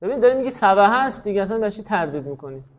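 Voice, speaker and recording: A man teaching a grammar class, quizzing students on their answers, praising them and explaining rules briskly. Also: sits high, very animated, highs cut off. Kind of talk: classroom lesson with student drills.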